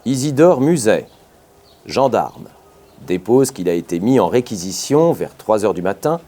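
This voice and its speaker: A man narrates an audiobook with a low, dark-toned voice. His delivery is measured yet expressive, with a pitch that rises and falls widely from line to line. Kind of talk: scripted narration.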